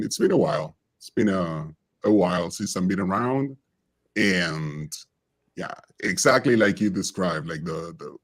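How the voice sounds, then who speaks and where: Man behind a deep pitch-shifting voice changer. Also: husky. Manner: halting, hesitant, many restarts. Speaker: anonymous guest. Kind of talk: casual livestream chat. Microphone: remote audio-only call.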